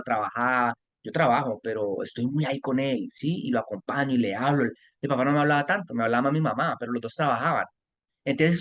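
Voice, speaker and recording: A Colombian man in his forties chats freely on a podcast, his voice sitting at an ordinary middle pitch. He talks at length as a parenting mentor, with lively storytelling and frequent restarts. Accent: Colombian Spanish. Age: 40s. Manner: talkative, animated storytelling with restarts. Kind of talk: casual podcast conversation.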